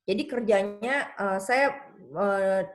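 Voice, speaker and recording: A woman pastor giving a conversational seminar talk, telling lively stories and jumping up in pitch whenever she quotes someone. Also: takes it slowly. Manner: lively storytelling that leaps high in pitch when quoting others; conversational, with frequent tag phrases. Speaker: pastor and speaker on children's faith.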